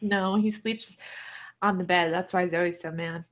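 A woman's voice: on the low side, steady tone, a little slow, a little hiss or hum. A woman in a casual chat who laughs often and swears casually while telling stories. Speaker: co-host of a group chat.

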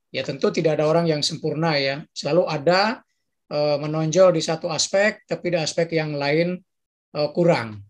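A lecturer explaining in an informal discussion style, with frequent tag questions and pauses to search for words. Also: medium pitch.

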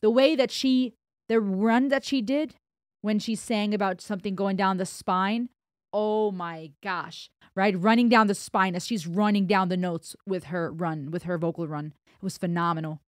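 A thoughtful German woman, a native German speaker, hosts an analytical song reaction from a small indoor home studio, speaking emphatically and explaining with hand gestures. Her mid-range voice moves at normal speed, captured cleanly with no echo by a close studio broadcast mic on a boom arm while she wears headphones.

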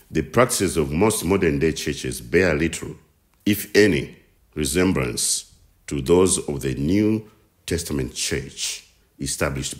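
A man narrates a scripted Bible lesson as a voice-over. His voice sits very low, and he reads slowly and deliberately, pausing over each scripture reference. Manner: slow, measured reading with scripture citations. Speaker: narrator of Bible teaching series.

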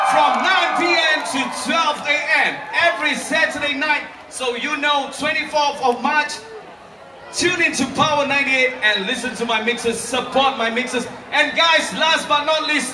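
A Singaporean-accented club DJ in his 20s, with an extremely high-pitched voice, shouts jokes and calls to a packed nightclub crowd, leading call-and-response to hype them up. He uses a handheld mic on stage, filmed from far back in the crowd, so the audio is echoey and full of loud crowd noise.

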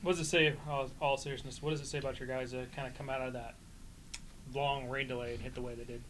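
A man's voice: mid-range voice, flat delivery, quick pace, background noise. A man, a reporter asking chatty, informal questions at a press conference.

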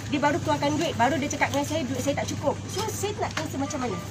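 A woman's voice: sits high, quick pace. A woman, a cashier defending herself and explaining step by step, counting money aloud. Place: convenience store checkout, indoors. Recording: loud shop background noise.

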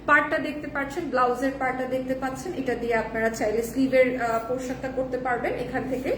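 A hoarse woman hosting a live stream to sell sarees, chatting with viewers and mixing English into her talk. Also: high-pitched, echoey room, recorded from a distance, noisy background. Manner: chatty, reads viewer comments, mixes in English. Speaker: live-sale host.

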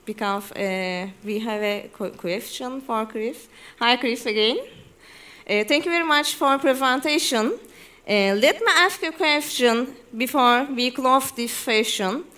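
A woman's voice: on the high side, measured pace, sharp tone. A woman moderating a conference session and asking a question, hesitant with many fillers.

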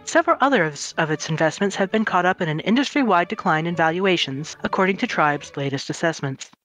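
A woman's voice: fairly low pitch, animated, a little fast, fairly bright tone. Lady reading an article like a newscaster, faint music behind. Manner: put-on newscaster voice. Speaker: podcast panelist. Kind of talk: reading a news article aloud.

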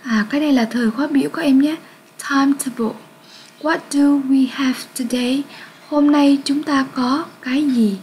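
A woman with a Vietnamese accent teaching an English lesson to children, speaking slowly and clearly and sounding out words for pupils to repeat. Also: high voice, steady tone, a little mellow, a little hiss or hum, low-quality recording.

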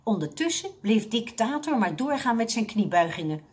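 A woman working as a library reading consultant, reading a children's book aloud with expressive storytelling. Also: on the high side, moderate pace.

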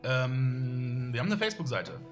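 Faint music plays in the windowed studio room where a man hosts his live stream, chatting and rambling to viewers with many fillers. His voice sits at medium pitch, with lively intonation and a moderate pace.

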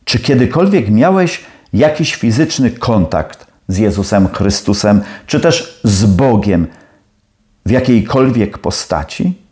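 A stern older professor, challenging and probing, as a man reads him aloud. His questions come slowly and deliberately. The voice sits low and moves widely in pitch. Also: big pitch swings, darkish tone.

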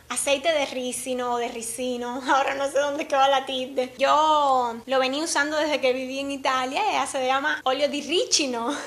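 A woman's voice: high voice, fairly bright tone. A woman chatting casually to her camera in a beauty vlog, friendly and talkative, laughing often and using lots of diminutives. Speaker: beauty vlogger.

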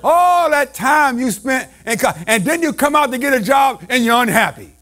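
A male pastor preaching a call-and-response sermon, shouting and slipping into a sing-song cadence. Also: extremely high pitch, expressive, moderate pace.

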